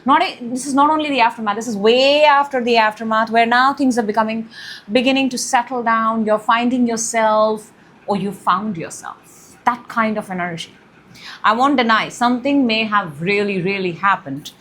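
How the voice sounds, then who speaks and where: A young woman hosting a casual tarot reading at home, excitable and gushing, with loud bursts and soft murmurs. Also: on the high side, moderate pace. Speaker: tarot reader, channel host. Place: room in her home.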